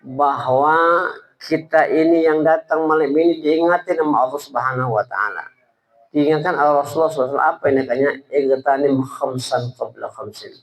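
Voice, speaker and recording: A man preaches in a loose, conversational way, stumbling and restarting as he goes. His voice sits a little high, and he keeps turning to his listeners as if chatting with them. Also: poor audio. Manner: halting, stammering delivery; colloquial, addresses listeners directly. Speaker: preacher at a religious study gathering. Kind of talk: informal sermon.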